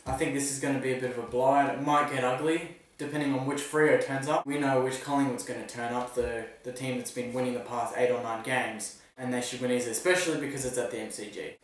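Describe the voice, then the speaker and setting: A man's voice: medium pitch, fairly even intonation, quick pace, few pauses, recorded from a distance. Australian man tipping footy, echoey room. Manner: opinionated, self-mocking jokes. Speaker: footy tipster vlogger. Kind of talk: casual sports preview.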